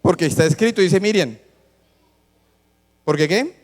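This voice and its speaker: A man's voice: high voice, unhurried. A man preaching a sermon to a congregation, teaching as he reads scripture aloud and asks the listeners questions. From Colombia. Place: church hall. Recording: long church-hall reverb.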